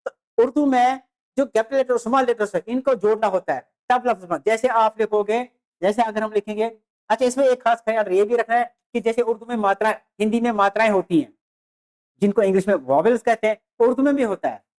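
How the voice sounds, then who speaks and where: A teacher giving a beginner lecture on the alphabet, naming letters slowly one by one, repeating them and speaking straight to the students. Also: mid-range voice, a little mellow. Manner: addresses students directly with "dear students". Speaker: Urdu teacher.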